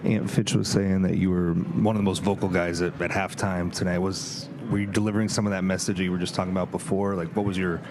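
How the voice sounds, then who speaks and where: Deep-voiced male reporter, noisy room. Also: level tone, quick pace, hardly any pauses. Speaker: sports reporter. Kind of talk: press conference question.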